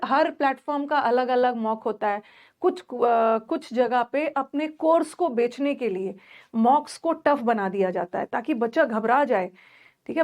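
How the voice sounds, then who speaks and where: High-pitched young woman teacher, chatty grammar class, lots of um and restarts. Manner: chatty, addresses students directly, frequent fillers and restarts. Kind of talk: online class lecture.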